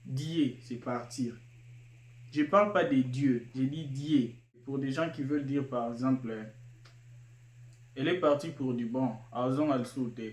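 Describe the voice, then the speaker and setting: A man explaining slang terms one by one, repeating each word and pausing with fillers. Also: medium pitch, roomy sound. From Kinshasa, DR Congo. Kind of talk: casual explanatory talk.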